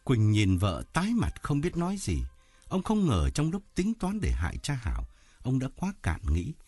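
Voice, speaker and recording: A man narrating an audiobook story with expressive delivery. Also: mid-range voice, normal speed, slightly rough, no room sound.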